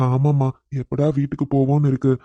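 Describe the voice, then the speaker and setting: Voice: medium pitch, little pitch movement, fast, no echo, muffled recording, natural voice. A performer voicing a tired man recovering in hospital, who sounds weary and relieved. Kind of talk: cartoon voice acting.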